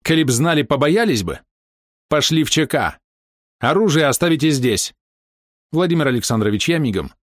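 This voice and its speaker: A man's voice: a little high, very animated, normal speed, pauses often, dry recording, studio quality, voice pushed up. Man voicing a fierce young woman officer. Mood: stern. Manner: commanding, sharp orders.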